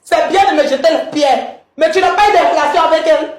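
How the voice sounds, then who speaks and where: A woman's voice: very high-pitched, fairly quick, a little mellow, echoey room. A woman confronting her husband, accusing him and repeating herself insistently. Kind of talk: heated confrontation.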